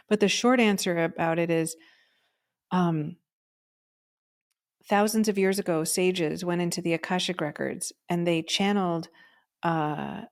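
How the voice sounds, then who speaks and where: A podcast co-host with a low, gravelly voice shares a story in casual, conversational fashion. She's chatty and frequently fills gaps with "um" or tacks on "right?".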